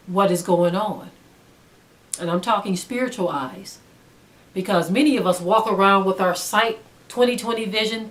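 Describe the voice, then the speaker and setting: A woman with a medium-pitched, slightly bright voice speaks as a religious teacher in sermon style. She is earnest and emphatic, exhorting listeners with repeated phrases.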